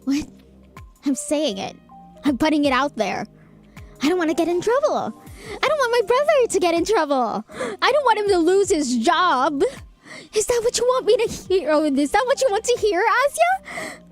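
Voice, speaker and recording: A woman voicing a blunt, teasing, weary young woman who flares up in loud outbursts. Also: high voice, expressive, measured pace, long pauses, soft background music, pitched above the performer's own voice. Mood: defensive.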